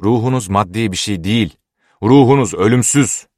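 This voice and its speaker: A grave old hermit, as a male narrator plays him, speaking with solemn, stern authority. The voice sits very low and heavy. The sound is close and dry. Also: expressive, brisk, dry recording.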